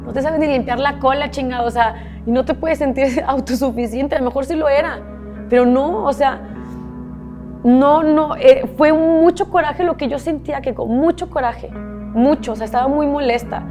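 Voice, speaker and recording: Candid Mexican woman, higher voice. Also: normal speed, mellow, faint music behind. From Monterrey, Mexico. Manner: candid, repetitive, swears casually. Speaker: guest. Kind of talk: emotional personal storytelling.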